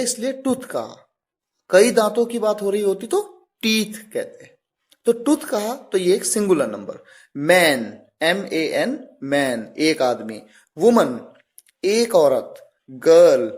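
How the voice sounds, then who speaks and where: A man's voice: high voice, a little mellow. A man teaching a grammar lesson step by step, spelling words out letter by letter and repeating each example. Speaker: English teacher.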